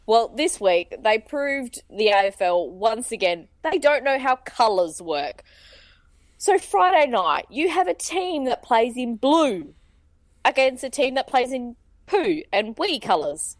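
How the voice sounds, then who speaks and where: Lively woman co-host. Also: on the high side, a little slow, dry recording. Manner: animated and indignant, jokey. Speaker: podcast co-host. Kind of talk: casual chat.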